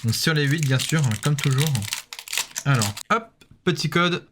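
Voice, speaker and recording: A man's voice: fairly high pitch, measured pace, noisy background. A man casually commenting as he opens card packs, addressing his viewers and saying "voilà" after almost every card, with frequent hesitations. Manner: chatty, addresses viewers directly. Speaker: YouTuber opening trading card packs.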